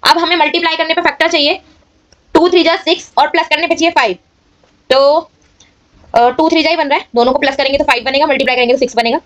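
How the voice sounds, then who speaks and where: Female maths tutor, high voice, dry close sound, walks students through each step. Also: steady tone, fast talker, fairly bright tone, dry recording. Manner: explains steps aloud, checks in often. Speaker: maths teacher.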